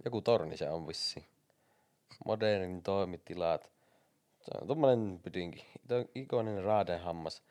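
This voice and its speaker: A man's voice: sits low, a little mellow. A man talking casually on a podcast as a quiz contestant, laid back and murmuring, telling jokes.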